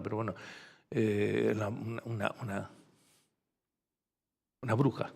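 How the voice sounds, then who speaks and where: A male pastor with a Rioplatense accent preaches a sermon in a husky, gravelly voice. He speaks softly and gently, then builds to loud, fervent preaching. His voice carries a long reverb from the church hall. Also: mid-range voice. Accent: Rioplatense Spanish. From Argentina.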